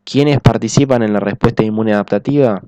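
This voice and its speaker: A man's voice: on the low side, brisk, dark tone, smooth, no room sound. A man giving a recorded biology lecture, explaining step by step and checking in often with the class. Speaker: teacher.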